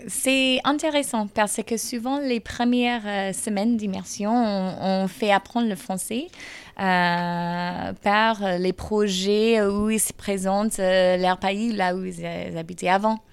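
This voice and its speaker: A woman's voice: mid-range voice, steady tone, slow, clear, resonant tone. A woman teacher answering interview questions hesitantly, with many fillers and restarts.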